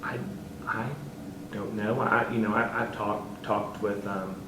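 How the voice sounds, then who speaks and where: Man, school board member, earnest, halting, far from the mic. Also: lowish voice, flat delivery, reverberant, background noise. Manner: earnest, halting with fillers, grows emphatic. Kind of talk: interview answers.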